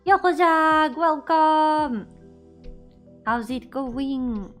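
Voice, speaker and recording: On her art livestream, a woman with a high, fairly bright voice draws out her words while chatting casually as she draws. She's a VTuber art streamer and game developer who thinks aloud in a playful, self-deprecating manner, hopping between English and Spanish, with background music running.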